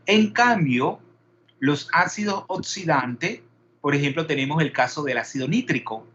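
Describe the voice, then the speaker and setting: A man's voice: a little high, animated, unhurried, a bit bright, dull audio, slight background noise. A man teaching a chemistry class, peppering students with questions and wandering into digressions. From Panama. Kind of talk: classroom lecture.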